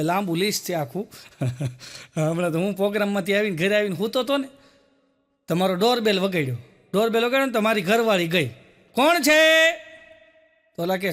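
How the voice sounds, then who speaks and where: A young man telling stand-up jokes, acting out the voices of the people in his stories. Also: high-pitched. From Gujarat, India. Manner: lively storytelling, acts out quoted voices. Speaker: stand-up comedian.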